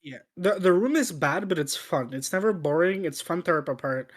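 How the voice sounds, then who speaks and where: A man's voice: fairly high pitch, expressive, normal speed. A tipsy man co-hosting a casual movie podcast, rambling and repeating himself with the odd swear word. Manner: tipsy, from drinking on the show. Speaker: podcast host. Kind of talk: casual movie review banter.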